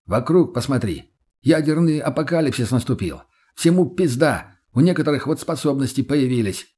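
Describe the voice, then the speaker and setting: Laid-back brash young man, voiced by a male narrator, husky, slangy, talks straight. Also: medium pitch, animated, normal speed, dark tone, pitched above the performer's own voice. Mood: offhand. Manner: blunt, offhand, street slang.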